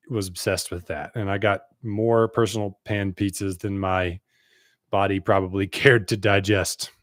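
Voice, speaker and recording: A man's voice: on the low side, no room sound, studio quality. A man in his thirties from the United States, a business coach telling his own story to camera in an earnest, conversational way.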